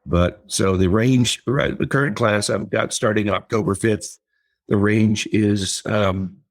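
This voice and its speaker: An older author who teaches writing talks in a casual interview, his voice lowish and steady in tone. He is thoughtful but halting, full of fillers and repeated words.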